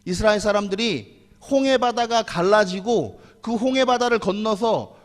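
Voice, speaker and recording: A man's voice: sits high, lively intonation, moderate pace. A man, the pastor, preaching a sermon in a church and addressing the congregation directly. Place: church sanctuary. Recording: long hall reverb.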